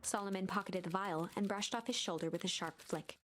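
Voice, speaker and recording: A woman's voice: mid-range voice, fairly quick, slight background noise. A woman reading scripted story narration as the narrator. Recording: loud music behind the voice. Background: loud music.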